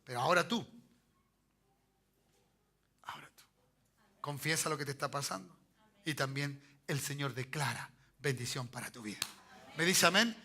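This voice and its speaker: A Chilean pastor preaching to his congregation in a high, very bright voice. He keeps it conversational, checking in with the room and having them say lines back to him. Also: fairly quick. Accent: Chilean Spanish. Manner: conversational preaching, frequent "¿me entiendes?" and call-and-response. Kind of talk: sermon.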